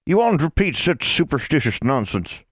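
An old witch great-grandmother with a sharp tongue and a soft spot, speaking in rural folksy dialect, as a man reading puts her on. She sits well higher than his low natural voice. The sound is dry and close. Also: sing-song, normal speed, breathy edge, no room sound. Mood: chiding.

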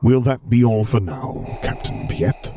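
A man voicing an imposing masked male dark lord who speaks in a slow, deliberate, rumbling way. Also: a little hiss or hum, close to an everyday voice. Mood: measured.

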